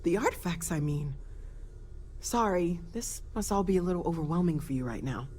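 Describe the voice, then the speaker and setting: An actress voices a friendly, thoughtful young woman scientist in scripted video game dialogue, sounding earnest, tentative and a little awkward. Her lowish, mellow voice is expressive and lightly acted at a moderate pace, with clear background noise and ambience.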